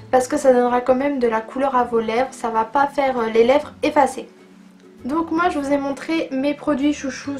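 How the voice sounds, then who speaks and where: A woman's voice: high voice, a little mellow. A woman chatting enthusiastically in a casual beauty vlog, reviewing makeup products with plenty of fillers. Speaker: beauty vlogger.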